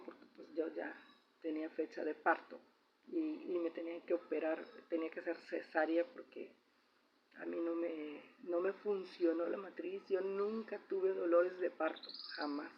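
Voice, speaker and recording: Speaking at a normal speed with fairly even intonation, a Mexican-accented woman in middle age recounts a family story for her personal vlog. Her voice is lowish and chatty, and she keeps tagging sentences with a questioning "¿no?" over a slightly dull recording with faint background noise.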